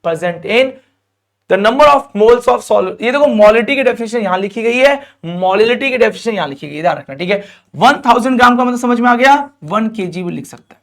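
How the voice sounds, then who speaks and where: A male teacher giving a lively classroom lecture, coaxing students with frequent questions and stretching out key terms slowly. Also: very high voice.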